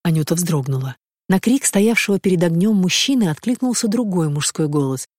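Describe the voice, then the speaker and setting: An audiobook reader giving scripted literary narration in an even, measured storytelling manner. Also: mid-range voice, dry recording, clean studio sound.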